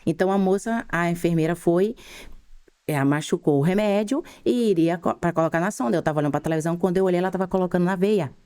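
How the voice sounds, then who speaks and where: A middle-aged Brazilian woman telling her faith testimony as a podcast guest, in fervent, rushed storytelling. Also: fairly low pitch, mellow, smooth. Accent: Brazilian Portuguese.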